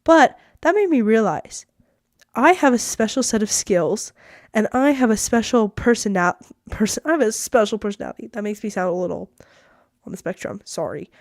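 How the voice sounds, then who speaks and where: A woman's voice: a little high, expressive, moderate pace, a little mellow, no room sound, studio quality. Chatty teenage girl hosting a podcast. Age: teens. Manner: rambling, self-deprecating, heavy use of "like". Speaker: podcast host. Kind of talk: casual solo podcast monologue.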